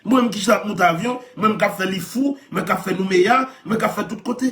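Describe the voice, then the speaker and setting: A man with a Haitian Creole accent tells stories in animated conversation, laughing often and repeating his phrases. His voice sits high and he talks fairly quickly.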